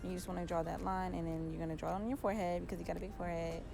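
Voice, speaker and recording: A young woman talking casually through a makeup tutorial and telling a story in a chatty, animated way. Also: lowish voice, racing, vocal fry, over music. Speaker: beauty vlogger.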